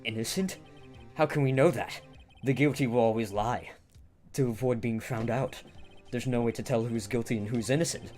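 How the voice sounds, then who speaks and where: A man in his twenties voicing a cold, ruthless young male prosecutor in a fan reading of a game script, speaking low, cool and measured. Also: a little mellow, faint music behind, close to an everyday voice. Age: 20s.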